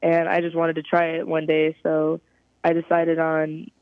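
A young woman from California, a college softball player, giving halting, thoughtful interview answers over a phone call. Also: low-pitched, completely flat delivery, no echo. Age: young adult. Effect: heard over a phone call. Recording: tinny, dry phone line.

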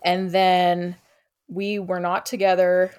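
A woman's voice: on the low side, level tone, takes it slowly, a little mellow, smooth. A woman guesting on a podcast, telling anecdotes in a slangy, dramatic, casual way.

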